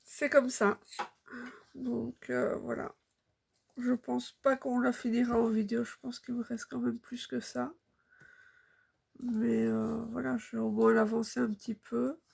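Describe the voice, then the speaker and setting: A woman in her thirties chatting casually while she stitches, unhurried and full of fillers. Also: fairly high pitch, little pitch movement, gravelly, a little mellow, husky. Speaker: cross-stitch vlogger.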